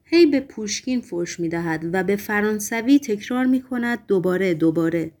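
A woman reading aloud as a nervous, gentle middle-aged male hospital patient who talks in a fussy, reproachful, hushed way, in an audiobook. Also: mid-range voice, lively intonation, natural voice. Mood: fretful.

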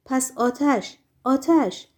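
A menacing demon henchman barks out curt orders in a storybook reading, performed by a woman. The voice sits high and loud above her narration, yet the timbre stays soft and warm. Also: lightly acted. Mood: shouting. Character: menacing male demon henchman, bony-handed and blunt.

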